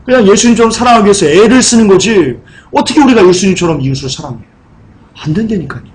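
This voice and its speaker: Male pastor, high voice, fervent sermon delivery with pleading swells; church recording with faint noise. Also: animated, fast talker. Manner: emotional preaching, swings to high pleading cries; asks the congregation questions. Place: church sanctuary.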